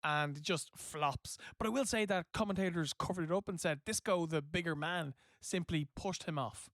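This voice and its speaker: High-voiced jokey man. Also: moderate pace, fairly bright tone, no room sound, studio quality. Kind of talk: casual chat.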